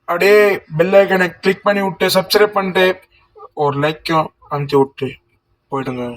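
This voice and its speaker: A young man from giving live commentary on a mobile game, yelling repeated words in excited bursts. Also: high-pitched, normal speed. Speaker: gaming YouTuber.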